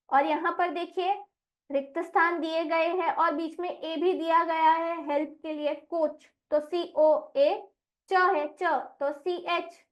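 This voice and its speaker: A woman teacher giving an online lesson, saying each word slowly and spelling it out letter by letter. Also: high-pitched. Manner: slow, deliberate, spells words out letter by letter. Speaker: English teacher.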